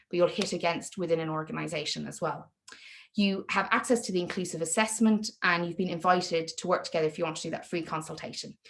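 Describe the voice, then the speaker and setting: A woman's voice: on the low side, a bit bright. A woman speaker on leadership and inclusion, presenting and answering questions in an online meetup, talking in a chatty, self-deprecating way with many restarts.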